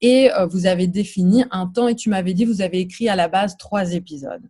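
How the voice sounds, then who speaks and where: A woman's voice: mid-range voice, a little fast, warm tone. A woman from Belgium hosting her channel and interviewing a guest, summarizing answers and guiding with questions.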